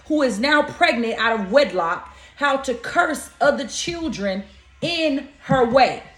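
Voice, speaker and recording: A woman's voice: a little high, fairly bright tone. A young woman from Florida, an oracle card reader talking straight to her viewers, indignant and scolding, calling them y'all and honey. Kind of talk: spiritual video monologue. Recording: echoey room.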